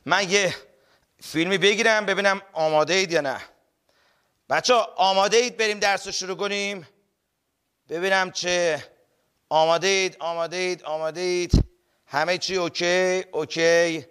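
A man teaching a live online class, energetic, repeating key terms and calling on the students often. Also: high-pitched, long pauses, smooth. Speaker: online tutor. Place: indoors, filmed for a live class.

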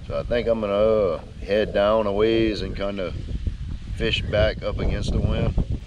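A man casually narrating his kayak fishing trip in a matter-of-fact, laid-back way, recorded outdoors on the water. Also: on the low side. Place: outdoors on a kayak on a bayou canal. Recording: outdoor wind and water noise.

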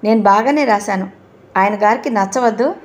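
A woman voicing a gentle young woman student, a soft, pleading daughter and sister, in an audio novel. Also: medium pitch, normal speed, natural voice. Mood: teasing.

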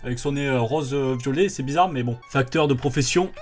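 A young man giving casual let's-play commentary as a gaming YouTuber, excitable and swearing often as he laughs at his failures. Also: mid-range voice, a little fast, soft background music.

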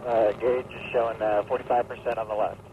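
A shuttle crew member making brief air-to-ground calls over a crackly space-to-ground radio. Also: male voice, fairly low pitch, level tone, brisk, narrow, tinny audio.

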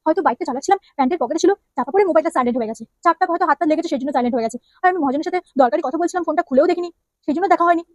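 A woman's voice: high voice, racing, darkish tone, no echo, natural voice. A woman voicing a harried husband who keeps making defensive excuses in a comedy skit. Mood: pleading. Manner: pleading, defensive.

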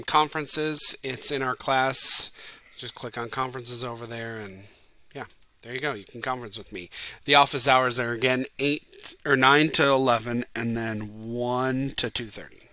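A man's voice: medium pitch, pushed and bright, no room sound. A male teacher chatting through a casual recorded class video, upbeat and playful as he explains the week's assignments.

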